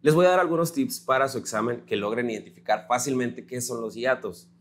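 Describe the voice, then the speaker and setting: Patient male teacher, Mexican accent. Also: medium pitch. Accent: Mexican Spanish. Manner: slow, patient, spells out syllables. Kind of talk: recorded grammar lesson.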